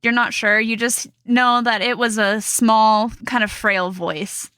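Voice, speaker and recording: A woman narrating as dungeon master in a tabletop game, setting scenes in a calm, descriptive way. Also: a little high, slow pace, clear, resonant tone, no room sound.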